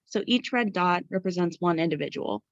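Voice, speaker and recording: A woman's voice: fairly low pitch, animated, brisk, no echo, dull audio. A young American woman reading out a scripted academic presentation in a formal, careful way, as a student researcher. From Pittsburgh area, United States. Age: young adult. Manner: formal, carefully read-out delivery.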